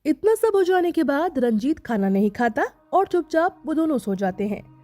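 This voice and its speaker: A woman narrating a scripted animated story in a steady storytelling manner. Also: high-pitched, normal speed, faint music behind.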